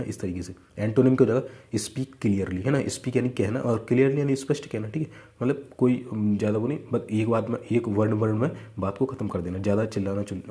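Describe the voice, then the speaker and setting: Low, mellow-voiced male teacher. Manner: conversational, repeats 'है ना' and 'ठीक है'. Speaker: exam vocabulary teacher. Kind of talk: casual Hindi lesson.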